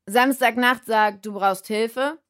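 A woman voicing a huge, gruff male punk spirit who talks bluntly in short, loud phrases over music. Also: on the high side, takes it slowly, voice pushed up.

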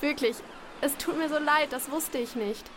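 A woman's voice: sits high, moderate pace, a bit bright, slight background noise. Linda, woman playing a stammering guilty mole. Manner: stammering, apologetic. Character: guilt-ridden young woman contestant, secret mole.

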